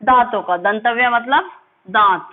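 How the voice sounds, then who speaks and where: A woman teacher giving a lesson, drilling sounds slowly and asking and answering her own questions. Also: a little high. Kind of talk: classroom lesson. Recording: tinny phone-like audio.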